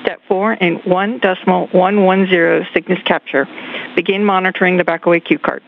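A woman's voice: fairly low pitch, level tone, brisk, gravelly. A woman working as mission control's capsule communicator, giving clipped checklist calls over a space-to-ground radio with beeps. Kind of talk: terse radio procedure calls. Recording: tinny radio link with faint hiss.

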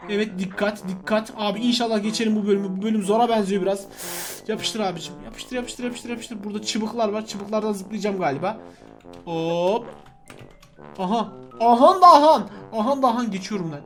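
Young man, excited game commentary, repeats words like chants, shouts at rivals, faint music behind. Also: high-pitched, normal speed. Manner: animated, chanting repeated words, yelling at other players. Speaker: gaming channel host.

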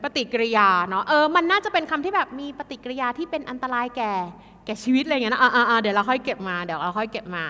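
A woman tutoring an exam class in a lively, chatty way, addressing students like kids. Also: fairly high pitch, in a large hall.

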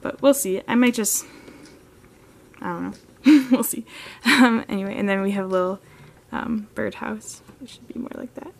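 This model horse channel host has a mid-range, creaky voice and talks at a normal speed. Filming close on a handheld camera, she gives a relaxed walkthrough of a carpeted room, chatting away with plenty of "like"s and "um"s.

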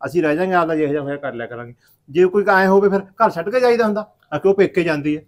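A man's voice: on the high side, rapid-fire, close to an everyday voice. A man playing a grumbling old village father. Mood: weary. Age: older. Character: aging rural father, weary and scolding. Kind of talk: village family drama acting.

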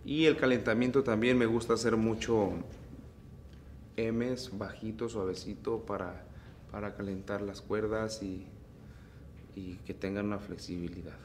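A man with a Mexican accent, a mariachi singer teaching vocal technique in an unhurried, relaxed way. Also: lowish voice, slight background noise. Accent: Mexican Spanish. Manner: unhurried, explains phrasing, breaks into singing. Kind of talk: relaxed vocal tutorial with sung demonstrations.

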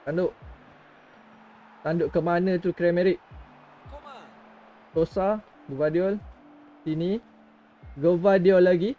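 A man's voice: high-pitched, fairly even intonation, takes it slowly, pauses often, phone-quality sound, faint music behind. A young Malaysian man giving reactive live commentary as he plays a mobile football game, in short exclamations and muttered asides. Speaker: gaming streamer.

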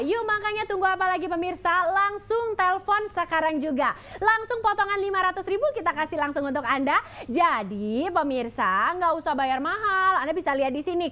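A woman's voice: very high-pitched, sharp tone, slight background noise. A young woman hosting a TV shopping infomercial, chatting urgently and coaxing viewers to buy. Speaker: TV shopping host. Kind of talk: infomercial sales pitch. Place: small TV studio set.

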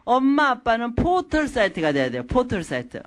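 A middle-aged woman lecturing an audience through stories from her own family life. Her pitch swings widely as she talks. She tells each anecdote with animation and acts out the people in it. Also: a little fast. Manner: animated storytelling, acting out quotes.

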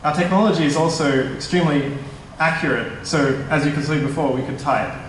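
A man's voice: a little high, fairly even intonation, brisk, slight background noise. Young man presenting in an echoey hall. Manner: casual, slightly nervous, self-correcting. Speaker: tech startup presenter. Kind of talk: conference presentation. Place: meetup hall, indoors, large room. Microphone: stand mic at a distance. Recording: echoey hall, mic at a distance.

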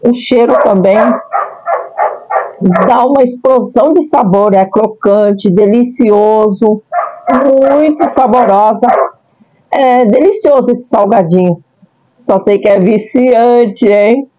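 A woman's voice: a little high, slow pace, dark tone. A Brazilian woman vlogger in middle age doing an upbeat snack review to camera, exclamatory and sprinkling in Japanese greetings, on a lapel mic. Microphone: clip-on lapel mic. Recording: muffled audio with clear background noise.

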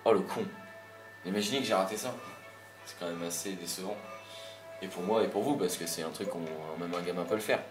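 A man's voice: sits low, fairly quick, long pauses. A young man giving casual, rambling commentary over a video game, slightly irritated and swearing now and then. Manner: rambling, chatty, mild swearing. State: a bit irritated. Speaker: gameplay commentator. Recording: roomy voice with game music behind.

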